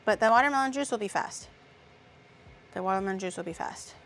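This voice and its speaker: With a little hiss or hum on the audio, a woman speaks quickly in a mid-range, fairly bright voice. She's a VTuber and streamer casually chatting on a cooking livestream from her home kitchen, cursing bluntly and murmuring as she tastes the food.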